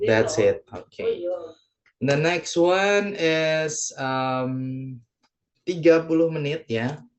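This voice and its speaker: A man's voice: a little high, very slow, muffled recording. A man with an Indonesian accent teaching an online English lesson, patiently repeating each point and translating it phrase by phrase.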